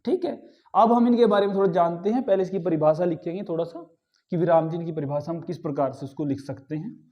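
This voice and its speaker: A man's voice: high voice, fast talker, mellow. A man teaching a grammar lesson, explaining step by step and often checking in with his class. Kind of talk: classroom lecture.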